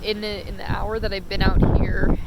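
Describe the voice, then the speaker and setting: A woman's voice: medium pitch, little pitch movement, normal speed. Woman live-streaming from a windy clifftop, wind roaring. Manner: anxious, rambling, talking over strong wind on a windy clifftop. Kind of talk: casual live vlog. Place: outdoors at night on a windy roadside ridge. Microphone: handheld phone. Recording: loud wind buffeting the microphone.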